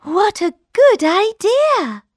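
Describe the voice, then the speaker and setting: A woman voicing a kind, eager young princess in a high, bright way. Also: very animated, slow, no room sound, clean studio sound, heavily acted. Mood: pleased.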